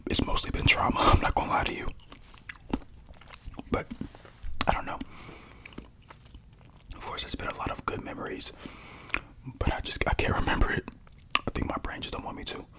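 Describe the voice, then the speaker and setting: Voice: moderate pace, long pauses. A young adult whispering casual stories at home while eating snacks into a close mic for an ASMR video. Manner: soft rambling whisper with crunching and chewing sounds.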